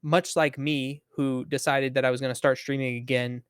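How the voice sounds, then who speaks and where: A man's voice: mid-range voice, little pitch movement, normal speed, clear, resonant tone, no room sound, clean studio sound. Rambling casual man podcaster. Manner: rambling, filler-heavy, swears casually. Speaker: podcast co-host. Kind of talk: casual chat.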